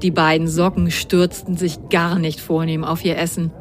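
A woman narrating a children's storybook in a lively, expressive way. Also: deep voice, normal speed, a little hiss or hum.

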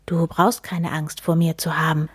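A woman's voice: deep voice, level tone, moderate pace, husky, dry recording, clean studio sound. Jack, a woman voicing a kindly snowman spirit. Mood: amused. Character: friendly magical male snowman spirit. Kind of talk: storybook read-aloud.

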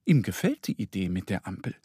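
Lively slightly husky male storyteller. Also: sits low, brisk, no echo, clean studio sound. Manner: lively, expressive reading. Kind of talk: scripted children's story narration.

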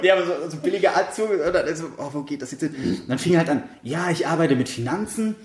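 A man's voice: on the high side, fast, crowd noise. A young man in casual chat who tells a funny story with energy, acting out the dialogue and laughing often. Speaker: podcast co-host. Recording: roomy echo.

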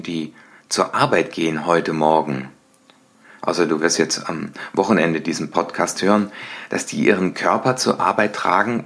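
Man, middle-aged, gravelly low voice, podcast host, lively, acts out scenes. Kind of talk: motivational podcast monologue.

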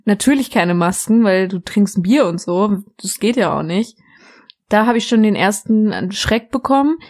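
A young woman co-hosts a laid-back podcast, wandering through anecdotes at a moderate pace. Her pitch is typical for a woman and her tone leans darkish. She's expressive, giggles a lot, and keeps starting her sentences over.

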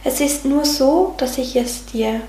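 A woman voicing the loving, reassuring inner voice of a soul, speaking in a gentle, patient, guiding manner. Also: sits high, a little slow, pitched above the performer's own voice. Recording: roomy sound with faint music.

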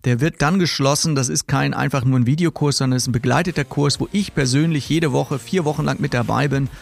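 A man's voice: mid-range voice, quick pace, vocal fry. A man hosting a podcast as a sales trainer, talking casually and directly, laughing as he mocks stock sales phrases.

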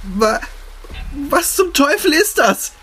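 A man's voice: very animated, slow pace, a bit bright, soft background music, exaggerated voice. A man voicing a terrified young woman who shrieks and sobs in panic in a horror story. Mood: shrieking. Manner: shrieking, high-pitched cries.

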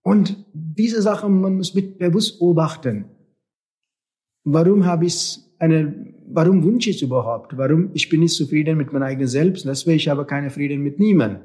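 A man's voice: on the high side, normal speed, warm tone. A man speaking German as a non-native, giving an earnest spiritual talk full of rhetorical questions and repetition. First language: not German. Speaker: spiritual teacher.

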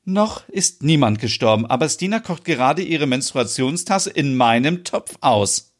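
A man reading a story aloud, voicing a fussy, excitable woman who owns the kitchen and is the boss, in a shrill, flustered, dramatic manner. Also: a little slow, lightly acted.

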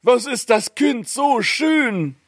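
A man voicing a group of little male dwarfs in a storybook reading, with a high squeaky voice. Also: huge pitch swings, unhurried, bright, forceful tone, no echo, studio quality, heavily acted. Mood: amazed.

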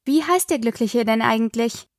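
A woman's voice: fairly high pitch, no room sound, clean studio sound, close to an everyday voice. A woman reading an audiobook, voicing a sarcastic, teasing teenage daughter. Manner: sarcastic, quick-tongued.

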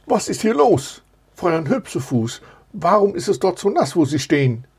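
A man's voice: sits high, big pitch swings, moderate pace, husky, voice pushed up, full character voice. A man doing a commanding young princess. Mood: questioning. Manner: questioning, commanding.

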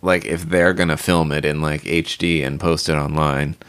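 A man with a very deep voice and a heavy gravelly fry co-hosts a casual podcast. He teases his partner and makes crude jokes in relaxed chat. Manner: teasing, quick with crude jokes. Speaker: podcast co-host.

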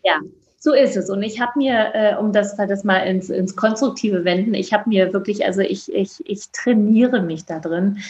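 A woman's voice: medium pitch, moderate pace, darkish tone, reverberant, dull audio. A woman in her fifties, raised in Georgia, speaking earnestly and thoughtfully as an interview guest. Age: 50s. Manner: earnest, thoughtful, with many restarts. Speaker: midwife. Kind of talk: reflective conversation.

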